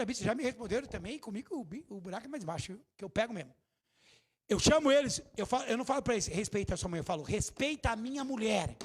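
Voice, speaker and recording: A middle-aged man with a Brazilian accent preaching a sermon in a church, jokey and scolding, bursting into shouts. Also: high-pitched, breathy edge. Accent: Brazilian Portuguese. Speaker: pastor. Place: church hall.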